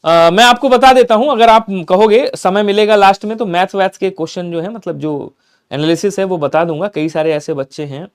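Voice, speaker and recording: A man with a high voice leads a live online class for exam takers. He talks through each grammar question emphatically and repeats the key points. He keeps checking that his students are following along. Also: moderate pace, smooth. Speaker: exam prep teacher.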